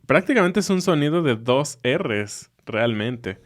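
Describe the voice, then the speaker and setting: A man co-hosts a podcast in an easygoing teaching chat. His voice sits at an ordinary middle pitch. He repeats example words with lively emphasis. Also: measured pace. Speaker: podcast co-host.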